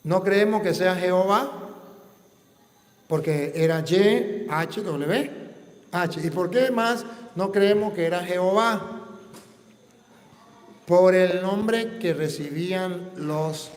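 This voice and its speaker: Male preacher, high-pitched, unhurried teaching delivery, reverberant hall. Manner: slow, didactic, asks and answers his own questions. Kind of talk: preaching Q&A talk.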